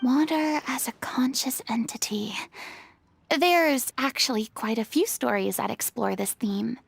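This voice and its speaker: A woman's voice: fairly high pitch, measured pace, vocal fry, husky, dry recording, soft background music, heavily acted. An actress playing a poised, theatrical young woman who speaks in a refined, gracious way. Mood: thoughtful.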